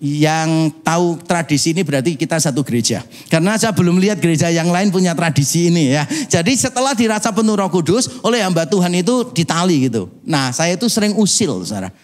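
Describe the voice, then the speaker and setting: High-pitched animated male preacher. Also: fairly quick. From Indonesia. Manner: animated storytelling with humor and mimicry. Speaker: pastor. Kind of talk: sermon. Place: church.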